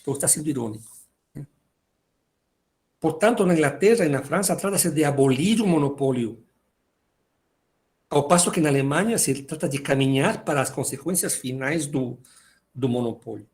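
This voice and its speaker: A man's voice: fairly high pitch, moderate pace, long pauses. A man teaches a university philosophy class in a slightly raised voice. He stumbles and repeats words as he thinks aloud, then reads a passage and unpacks it for his students. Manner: hesitant, repeats words while searching for them. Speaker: philosophy lecturer. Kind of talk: university lecture.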